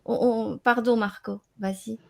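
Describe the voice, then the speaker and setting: A woman hosting a casual open-line radio show, speaking haltingly and repeating words as she searches for them. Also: on the high side, fairly even intonation, vocal fry, darkish tone. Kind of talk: casual live chat.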